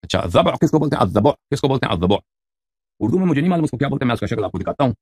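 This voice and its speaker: A middle-aged man with a mid-range, sing-song voice and a breathy edge delivers a religious lecture in a recording with no echo. Acting as a religious debater, he reads Arabic book titles, explains them in Urdu, and asks his listeners questions with a mocking edge.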